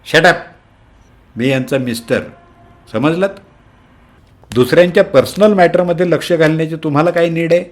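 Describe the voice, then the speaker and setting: A man's voice: a little high, moderate pace, pauses often, pitched above the performer's own voice, natural voice. A man doing a blustering, flustered older husband. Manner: stammering, blustering.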